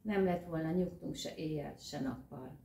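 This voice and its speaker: A woman voicing a steady, grave old cow who speaks calmly. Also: sits low, gravelly, slight background noise. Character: calm, disgusted old cow. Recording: roomy echo, distant mic.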